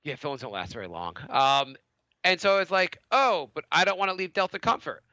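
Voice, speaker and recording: A podcast co-host, a bit congested with a cold, spins a story in easygoing conversation and lively impersonates others' lines at a raised volume. His pitch is fairly high, his pace moderate, and the sound is lo-fi without echo.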